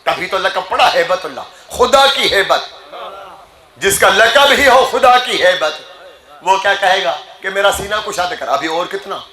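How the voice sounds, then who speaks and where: A man delivers a Muharram sermon in a high, bright voice. He moves from measured explanation to fervent, shouted passages. The hall around him rings with echo. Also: animated. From Sindh, Pakistan. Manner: rising to impassioned shouting, switches between Urdu and Sindhi. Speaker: Muharram majlis preacher. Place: majlis gathering hall. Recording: echoey gathering hall.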